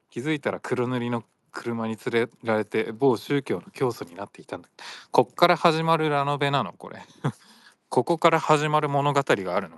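A man's voice: medium pitch, a bit bright, dry recording. A man hosting a solo audio chat, rambling casually and playfully, laughing often and slipping into silly voices.

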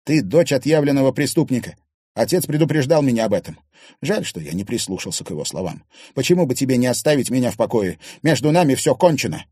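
A man's voice: on the high side, big pitch swings, moderate pace, warm tone, no room sound, studio quality, voice pushed up. A man reading an audiobook, voicing a bitter young man who talks harshly and in clipped phrases. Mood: cold.

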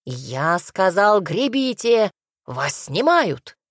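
A woman's voice: mid-range voice, big pitch swings, measured pace, no echo, studio quality. A woman doing a bossy male gnome director. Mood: frantic, pushy. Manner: barking commands, pushy.

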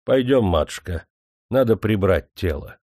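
A man doing a calm, gentle old village priest. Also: lowish voice, measured pace, no room sound, studio quality. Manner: calm, soothing, pious.

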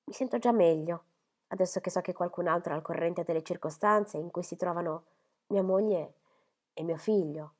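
A woman voicing a pale, ailing young man who speaks quietly and slowly as he confides. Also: fairly low pitch, lightly acted. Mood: confiding. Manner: quiet, slow, subdued.

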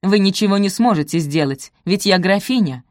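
A woman voicing a shrill, spiteful middle-aged countess who shrieks and hisses her accusations. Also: expressive, fairly quick, a little mellow, no room sound, studio quality, lightly acted. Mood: angry. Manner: shrieking, hissing.

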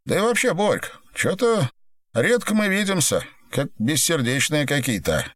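A brash middle-aged boss who barks orders and swears freely, as a male audiobook narrator puts him on. His voice lifts well above the reader's own low tone and swings widely. The sound is dry and close. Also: very animated, normal speed, no room sound. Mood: jovial. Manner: loud, coarse, bossy.

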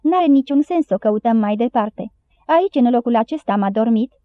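Fretful old doctor in a storybook reading , done by a woman, pitched up, thin tinny sound. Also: expressive, dry recording, lightly acted. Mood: tearful. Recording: dry, tinny phone-like sound.

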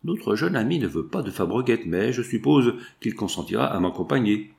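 A man reading the part of a shrewd gentleman investigator who reasons things out calmly. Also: lowish voice, normal speed, creaky.

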